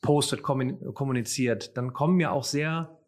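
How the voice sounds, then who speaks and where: A man's voice: mid-range voice, moderate pace. A man hosting an interview, asking long questions with hesitations. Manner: hesitant, many fillers and restarts, softer. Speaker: interviewer, podcast host.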